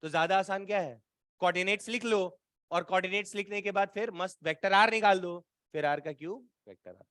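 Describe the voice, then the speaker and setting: A man's voice: high-pitched, a little fast, pushed and bright, no room sound, studio quality. A man teaching a physics class live from Bihar, chatting and teasing his students as he quizzes them through problems. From Bihar, India.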